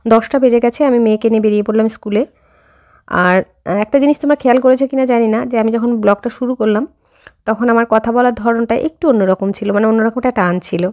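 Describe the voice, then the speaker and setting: This Indian vlogger talks fast in a fairly high, steady, slightly mellow voice, speaking Bengali with a slight rural Jessore-Khulna lilt. She chats straight to her viewers, using lots of fillers, while at home and outdoors on errands.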